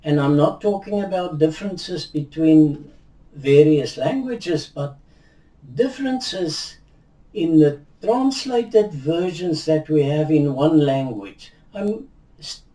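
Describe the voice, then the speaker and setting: Indoors, with a virtual backdrop behind him, an older man who grew up speaking Afrikaans delivers a slow, unhurried Bible teaching video. His mellow voice sits on the high side, measured and reflective, punctuated by restarts and hand gestures. The distant mic yields a roomy, faraway sound.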